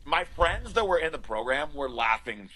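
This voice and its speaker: A man who is a podcast guest, telling a personal story in a casual, animated, candid way with frequent restarts. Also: on the high side, moderate pace, low-quality recording.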